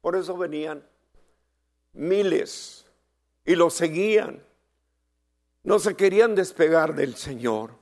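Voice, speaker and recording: A man preaching a sermon, slow and dramatic, who asks the congregation for responses and rises to shouted peaks. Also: on the high side.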